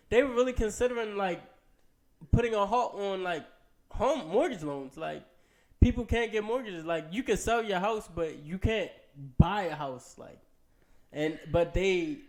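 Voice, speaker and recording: A man co-hosting a casual podcast, animated and quick to laugh. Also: high voice. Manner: animated, laughs often, loses his train of thought. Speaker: co-host.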